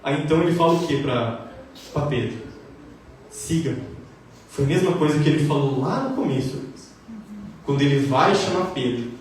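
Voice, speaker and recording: A man preaching a sermon in a church hall, animated and acting out quoted dialogue. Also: on the high side, a little fast. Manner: animated, acts out quoted dialogue with rising emphasis. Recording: echoey church hall, distant mic, faint hiss.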